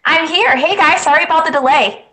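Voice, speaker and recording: An actress joining a casual online Q&A, cheerful and playful. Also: female voice, extremely high pitch, brisk, pushed and bright. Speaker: cast member, actress. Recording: roomy echo.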